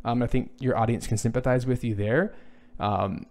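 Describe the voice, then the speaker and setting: Streaming casually from his small home studio, a music composer in his thirties fields viewer questions at a moderate pace in a low, steady, darkish voice. Headphones on and speaking into a boom studio mic, he thinks aloud, often using fillers and starting over.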